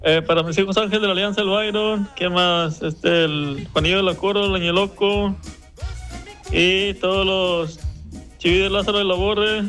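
A man, calling into a radio show and rambling casually through a list of shout-outs. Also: sits high, steady tone, normal speed, faint music behind. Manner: casual, rambling, many fillers. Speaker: caller. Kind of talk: voice message sending shout-outs.

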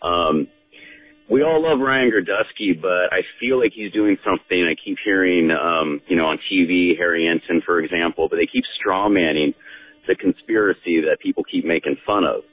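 A man's voice: deep voice, moderate pace, no echo, soft background music. An American man calling a radio show, giving his political opinions in an irritated, insistent way. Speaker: radio call-in listener. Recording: tinny phone line.

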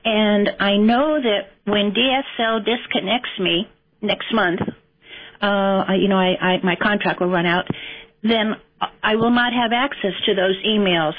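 An older woman phones in to a radio show to ask a question, sounding hesitant and sentimental with many ums. Her mid-range voice stays steady and unhurried over dull, lo-fi call audio.

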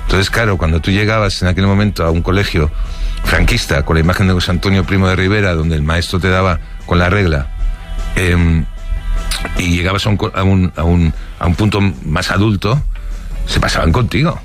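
This middle-aged man from Barcelona has a deep, low voice. He recounts his past in an interview, pausing often on fillers and restarting his sentences. Faint music plays under him. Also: fairly even intonation. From Barcelona, Spain. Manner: hesitant, many fillers and restarts, chuckles while telling. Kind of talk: recounting life stories.

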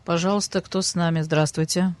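A radio host taking callers and reading out listener questions, polite and brisk. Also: male voice, a little high, level tone, no room sound. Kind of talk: hosting a call-in show.

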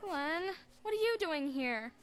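A woman's voice: high voice, expressive, unhurried, noisy background. An actress playing an insecure, flustered and earnest young girl in a family radio drama. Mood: jittery. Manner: nervous, pleading.

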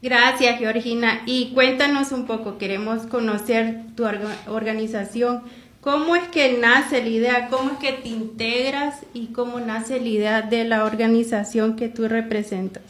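A woman born in Honduras hosts a radio program from a studio booth. She talks in a slightly raised pitch, stopping and restarting with many fillers. Her voice carries a noticeable room echo. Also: fairly even intonation, moderate pace, fairly bright tone. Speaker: radio host. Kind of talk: radio talk show hosting.

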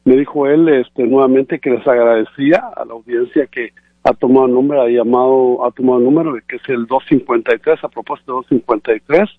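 Calling in to a radio show by phone, a man with a medium-pitched, steady voice talks a little fast about dental care. A regular guest presenting the sponsor, he explains casually and repeats points, promotional in tone, over a tinny line with no echo.

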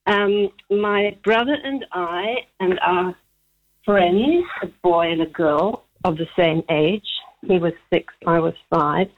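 Over a tinny phone line, a Zambian caller in her seventies shares a rambling childhood memory on a radio phone-in, laughing frequently and chatting freely. She speaks slowly in a fairly low-pitched voice.

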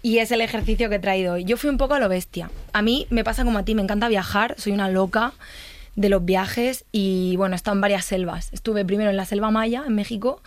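A woman's voice: medium pitch, fast, no room sound. Woman psychologist telling her own story. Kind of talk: personal story in a talk show.

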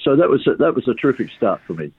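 An older man from Sri Lanka, an orchestra conductor, answering radio interview questions in a halting way with many pauses and restarts. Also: medium pitch, big pitch swings, breathy edge, no echo. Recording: tinny phone line.

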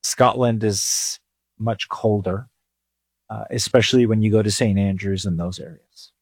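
A man from England, a financial advisor, talking on a radio show in a low, slightly husky voice. He answers at an easy, thoughtful pace, and the recording is dry and close. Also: fairly even intonation, measured pace, no room sound. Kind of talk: casual interview answers.

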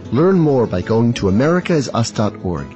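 A man's voice: mid-range voice, sing-song, brisk, mellow, highs cut off, faint music behind. A man reading a scripted public-service announcement as a commercial announcer.

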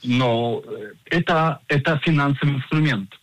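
A man in his forties, an insurance agent and financial planner, explaining coverage in a radio interview in a measured way with frequent hesitations. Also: medium pitch, dry recording, rough recording.

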